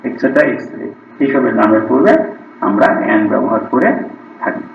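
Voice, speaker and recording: A male English teacher with a Bengali accent giving a classroom grammar lesson, listing example words and slowing down for English sentences. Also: on the low side, creaky. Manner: reads word lists, slows right down for English sentences. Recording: distant, roomy, dull lo-fi recording.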